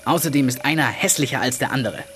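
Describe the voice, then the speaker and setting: A man's voice: medium pitch, a bit bright, a little hiss or hum, lightly acted. A man voicing Paul, a bewildered boy lost in a forest, in a children's radio play. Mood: puzzled. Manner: bewildered and hurried.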